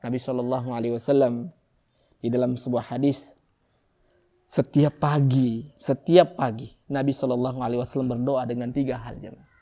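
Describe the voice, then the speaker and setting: A middle-aged man preaching a sermon to a congregation, lively, often acting out people in high excited voices. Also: normal speed.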